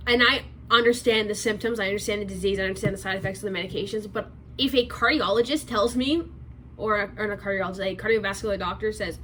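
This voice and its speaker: A twenty-year-old woman giving a sarcastic commentary vlog, rambling fast and correcting herself as she goes. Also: mid-range voice, steady tone, bright, forceful tone, a little hiss or hum, rough recording. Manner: sarcastic, rapid rambling with restarts. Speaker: commentary YouTuber.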